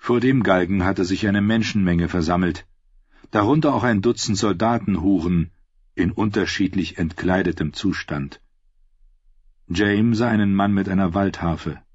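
A male audiobook narrator with a low, husky voice and a slow, measured delivery. The recording is dry and slightly dull. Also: no room sound. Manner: measured, steady reading. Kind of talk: scripted narration.

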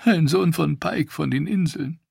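A man's voice: fairly high pitch, measured pace, creaky, a little mellow, breathy edge, no echo, clean studio sound, pitched above the performer's own voice, full character voice. A man voicing a broken, desperate young male captive who stammers and pleads.

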